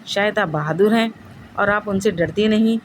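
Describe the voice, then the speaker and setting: A woman's voice: mid-range voice, natural voice. An older neighbour man speaks up earnestly in a told ghost story, explaining and persuading. A woman reads his lines in close to her own voice. A faint hiss sits under the voice. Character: earnest older male neighbour giving advice.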